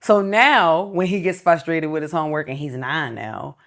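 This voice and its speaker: A woman in her thirties talks casually as a guest, earnest and reflective. Her voice sits a little low. She lays out her thinking step by step. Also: moderate pace. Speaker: entrepreneur guest. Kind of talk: casual interview chat.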